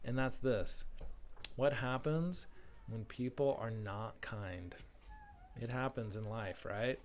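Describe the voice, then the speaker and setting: A man's voice: mid-range voice, a little hiss or hum. Friendly man addressing young schoolchildren. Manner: friendly, encouraging, speaks slowly and simply to kids. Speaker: school principal leading a video assembly. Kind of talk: recorded morning assembly talk to young children.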